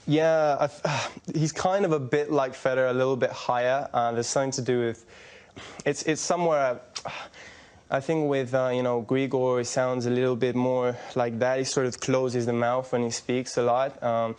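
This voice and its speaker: A young man talking casually as a guest, quick and halting, full of fillers and restarts. His voice sits mid-range. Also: medium pitch, flat delivery, darkish tone, smooth. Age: young adult. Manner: quick, hesitant, slips into mimicry. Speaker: impressionist guest. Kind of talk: casual interview chat.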